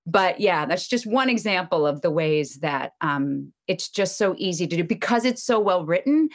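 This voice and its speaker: Lively storytelling woman, lowish voice. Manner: animated, lively storyteller with quoted dialogue. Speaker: stage actor, guest. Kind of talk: casual interview storytelling.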